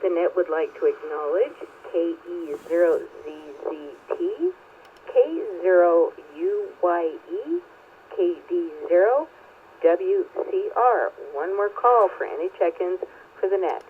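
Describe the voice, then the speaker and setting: Over a thin, phone-like two-way radio link with light static, a woman serves as net control. She follows formal check-in procedure, and her pitch moves up and down in an animated way. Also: a little slow.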